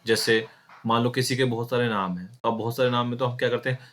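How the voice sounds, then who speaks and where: A man's voice: medium pitch, steady tone, fast talker, fairly bright tone, a little hiss or hum. A man teaching an exam-prep Hindi grammar lesson, explaining step by step with many fillers and self-corrections, and speaking directly to his students. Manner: addresses students directly, repeating key points.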